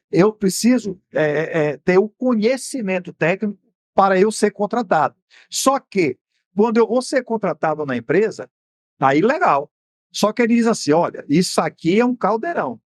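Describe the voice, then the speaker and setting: Bahian-accented Brazilian man, TV host, high voice, dry studio sound, didactic rhetorical questions. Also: expressive, moderate pace, no echo. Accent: Brazilian Portuguese, Bahian. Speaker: TV show host and mentor. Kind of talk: explanatory TV talk on finance.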